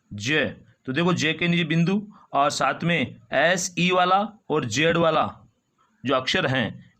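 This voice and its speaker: A man teaching a phonetics lesson, reading out example words slowly and with drawn-out care. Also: medium pitch, pushed and bright. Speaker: English teacher.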